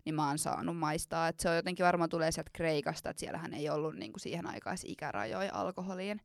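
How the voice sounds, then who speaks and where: Casual woman with a gravelly edge. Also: low-pitched, no echo, studio quality. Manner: laughs while telling embarrassing stories, many fillers. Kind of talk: casual storytelling chat.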